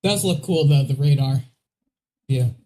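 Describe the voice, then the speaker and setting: A man's voice: a little high, unhurried, warm tone. A man co-hosting a weather livestream with casual, conversational live commentary and plain explanations.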